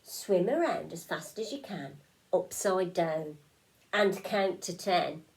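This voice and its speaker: A woman's voice: lowish voice, takes it slowly, creaky, low-quality recording. A woman doing an eager, upbeat fish friend. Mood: encouraging. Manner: bright, eager, coaxing. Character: cheerful, encouraging young fish friend.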